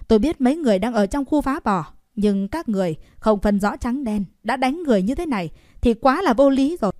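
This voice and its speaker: A woman voicing a nervous young woman who protests loudly. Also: mid-range voice, moderate pace, no room sound, clean studio sound, close to an everyday voice. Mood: upset. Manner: nervous, then indignant protest. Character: timid but fiery young woman.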